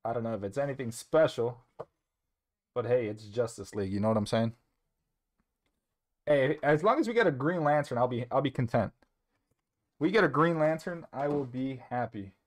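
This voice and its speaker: A man's voice: mid-range voice, expressive, normal speed, long pauses. A man with a mid-range voice hosts a card-opening livestream, casual and upbeat. He jokes around, swears freely and sounds a little out of breath as he chats to viewers. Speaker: card break livestream host. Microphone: earpiece in, on stream.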